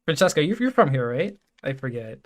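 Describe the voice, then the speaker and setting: A man from New York co-hosting a casual podcast chat, animated and quick to laugh. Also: fairly high pitch. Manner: animated, excitable, laughs a lot. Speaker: podcast co-host.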